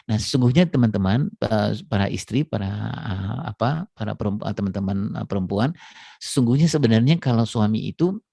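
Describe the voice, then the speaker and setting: A man's voice: fairly low pitch, animated, brisk, gravelly, dark tone, slightly rough, dry recording. A man giving a casual religious parenting talk, chatty and direct with his audience, with many fillers and repeated tag phrases. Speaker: parenting speaker.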